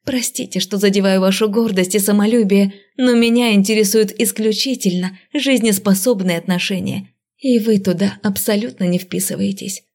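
A woman voicing a fiery, sarcastic young female first-year magic student in an audiobook, talking sharp and defiant. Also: medium pitch, moderate pace, natural voice. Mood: indignant. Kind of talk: audiobook character voice.

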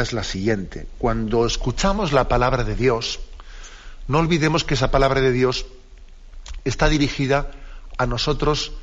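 A male priest hosts a live radio call-in program, speaking at an ordinary middle pitch. He talks reflectively, restarting phrases and tagging questions onto them. The broadcast sound is dull and muffled.

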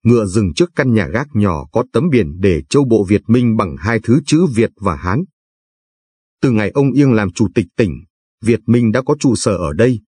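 Husky male audiobook narrator. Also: lowish voice, darkish tone, dry recording, studio quality.

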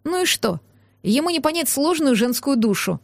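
A woman reading a novel aloud as first-person narrator, in an expressive storytelling manner. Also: high voice, moderate pace, gravelly, no echo, clean studio sound. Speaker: audiobook narrator.

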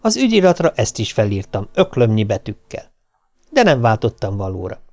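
A man narrating an audiobook with a wry, lively storytelling manner. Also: on the low side, no echo. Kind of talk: audiobook reading.

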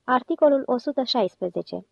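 A woman's voice: high-pitched, expressive, creaky, dry recording, exaggerated voice. Woman reading a dry, earnest male driver. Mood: recited. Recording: dull lo-fi audiobook recording.

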